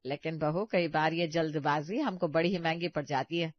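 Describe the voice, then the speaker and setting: Brief: gentle middle-aged mother-in-law, coaxing and patient, voiced by a woman, dry close sound. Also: low-pitched, steady tone, normal speed, no echo, close to an everyday voice. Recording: dull lo-fi sound.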